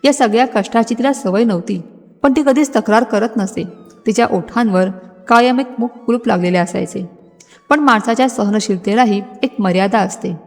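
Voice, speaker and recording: A woman narrating a scripted, dramatic story in a steady storytelling manner. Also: medium pitch. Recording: music bed, long hall reverb.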